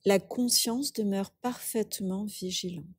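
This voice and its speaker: A yoga nidra teacher guides a meditation at a very slow, unhurried pace, her medium-pitched voice soft and breathy. She gives calm instructions in short phrases, leaving long pauses between them. The recording is dry, with no room sound.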